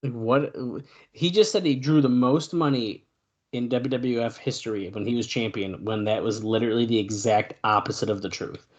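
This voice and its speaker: A man's voice: mid-range voice, moderate pace. A man co-hosting a podcast, chatting in a wry, joking way. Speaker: podcast co-host. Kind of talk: casual chat.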